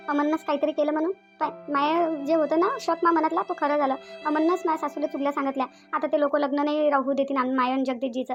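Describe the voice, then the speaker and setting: A tearful young woman engaged to be married, pleading in distress with a Vidarbha Marathi accent, as a woman voices her. Her voice is high, and she talks fast. This is a cartoon role. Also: dull audio. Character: young bride-to-be, hurt and tearful.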